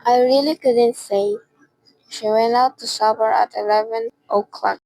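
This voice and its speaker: A woman's voice: a little high, fairly even intonation, unhurried, vocal fry, a little mellow, no echo, poor audio. A teenage girl acting in a radio drama as a polite, unruffled woman clerk at a nurses' registry, formal and matter-of-fact. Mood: courteous, unmoved.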